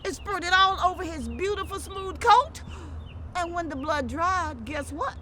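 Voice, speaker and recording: A woman with a Lowcountry Gullah Geechee accent telling a folktale aloud in a theatrical, emphatic way, repeating phrases. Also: lively intonation, measured pace, pushed and bright. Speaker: storyteller. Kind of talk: animated oral folktale telling. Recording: clearly noisy background.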